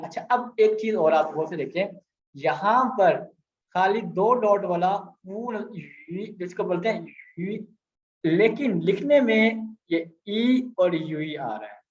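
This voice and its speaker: High-pitched and animated yet slow, a man with a Pakistani Urdu accent works through grammar using on-screen examples. He repeats sounds patiently and blends in English, recorded with echoey, slightly dull sound.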